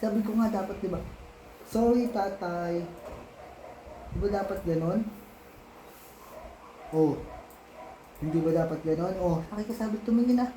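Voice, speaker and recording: A father in a casual home video, patiently coaxing and gently scolding his young child, repeating his questions over and over. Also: high voice, moderate pace, pauses often, echoey room, slight background noise, poor audio. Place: home, indoors.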